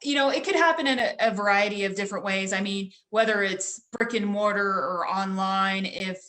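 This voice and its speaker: Female expert guest, medium pitch, practical and explanatory delivery. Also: normal speed, bright, forceful tone. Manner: practical, advice-giving, many fillers. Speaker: cyber security expert guest. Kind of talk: explanatory interview talk.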